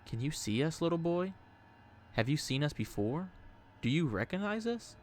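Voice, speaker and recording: A man's voice: a little high, big pitch swings, moderate pace, darkish tone, a little hiss or hum, pitched above the performer's own voice. A man voicing a sorrowful old grandfather ghost who speaks in a pleading, apologetic way.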